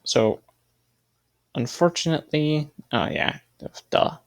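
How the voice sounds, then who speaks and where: Gravelly man thinking aloud over gameplay. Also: fairly high pitch, huge pitch swings, takes it slowly. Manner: thinking aloud, self-correcting, trailing off. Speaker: gaming video creator. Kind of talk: casual gameplay commentary.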